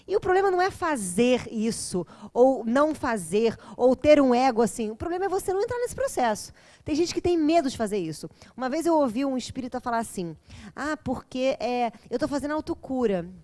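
A woman with a Brazilian Portuguese accent giving a chatty, animated classroom lecture as teacher and therapist, often checking in with her listeners. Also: high-pitched. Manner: animated, chatty, often adds "né?" and "gente", acts out dialogues. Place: classroom at a community center.

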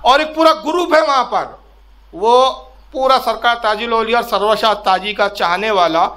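A man giving a religious sermon to a gathering, telling a saint's story with lively narration and drawn-out recited verse. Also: very high-pitched. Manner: animated storyteller, breaks into drawn-out poetic recitation. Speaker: Islamic religious orator. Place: public gathering at a house venue.

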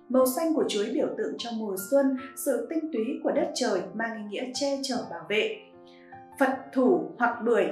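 A woman giving scripted narration in an even, listing tone. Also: fairly high pitch. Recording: roomy echo with faint music.

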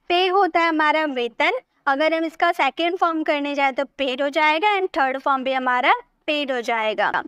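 A woman teaching an English grammar lesson, patiently repeating words slowly and breaking them into syllables. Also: high-pitched, a bit bright, no echo, studio quality.

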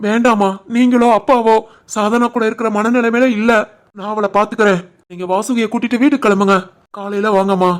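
A woman's voice: fairly high pitch, fairly even intonation, brisk, close to an everyday voice. A woman voicing a frantic young brother. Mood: firm. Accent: Tirunelveli Tamil. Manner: pleading, earnest. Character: anxious young man, devoted elder brother. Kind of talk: animated family drama voicing.

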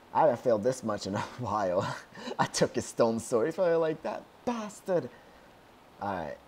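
A young man giving casual commentary on his own gameplay at home, excitable and yelling whenever things go wrong. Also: medium pitch, breathy edge. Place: at home, outside his room.

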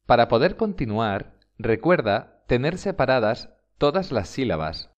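Male Spanish teacher with a Spain accent; unhurried scripted lesson delivery, very expressive pitch. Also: lo-fi sound. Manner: slow, deliberate, stresses example words. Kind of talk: scripted instructional narration.

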